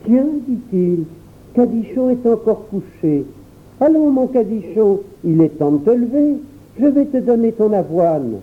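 A man voicing a tender, fretful little boy with high, pleading cries in a storybook reading. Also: lively intonation, unhurried. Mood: cheerful. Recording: tinny phone-like sound.

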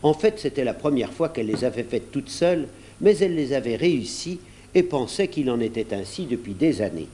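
Man, audiobook narrator, storybook reading, animated pitch, mellow, slight background hiss. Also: a little fast. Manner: expressive, varied storytelling delivery. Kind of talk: storybook read aloud from cassette.

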